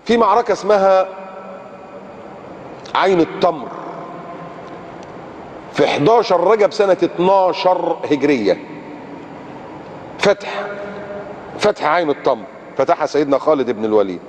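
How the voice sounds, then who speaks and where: Male preacher with an Egyptian Arabic accent, fairly high voice, dramatic and questioning, long hall reverb. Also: expressive, moderate pace, long pauses. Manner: dramatic, with rhetorical questions and big swings from loud highs to low murmurs. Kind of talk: sermon. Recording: long hall reverb, faint background noise.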